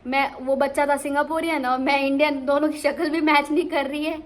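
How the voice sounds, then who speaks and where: A young woman vlogger casually telling a travel story, animated and full of restarts. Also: high voice, a little fast. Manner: animated, many restarts and fillers.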